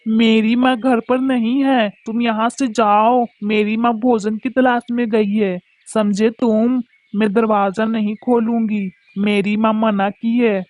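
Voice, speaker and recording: A woman's voice: on the high side, flat delivery, slow, few pauses, a little mellow, no room sound. A woman voicing a brave young girl bird chick in a cartoon, defiant and pleading by turns.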